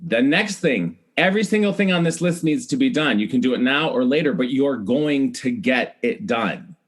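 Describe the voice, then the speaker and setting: This podcast guest is a celebrity hair stylist, a middle-aged man from Iowa in the United States, with an expressive, medium-pitched voice at a normal pace. He shares personal stories in a lively, chatty way, acting out other people's remarks and leaning on emphatic repetition.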